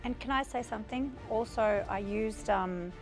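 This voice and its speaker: A woman's voice: medium pitch, moderate pace, gravelly, over music. A woman with an Australian accent, a real estate agent, earnestly telling an audience a sales story. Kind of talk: speaking to an audience.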